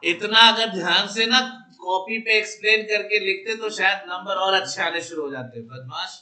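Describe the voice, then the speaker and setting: Bright, high-voiced teasing male teacher. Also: roomy sound. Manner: teasing, mixes English into Hindi, dictates notes slowly. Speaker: commerce teacher. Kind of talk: classroom lecture.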